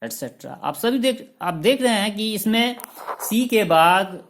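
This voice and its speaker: A man's voice: high voice, measured pace, slight background noise. A man teaching a lesson, listing example words one by one and spelling some of them out letter by letter. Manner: lists examples in a steady rhythm. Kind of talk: classroom-style lesson explanation.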